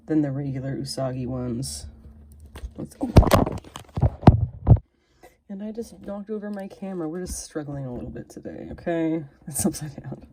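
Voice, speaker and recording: A woman's voice: deep voice, heavy background noise. A woman reviewing and unboxing a collectible figure in casual, self-deprecating chat, drifting into whispers while she fiddles with it. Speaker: toy reviewer.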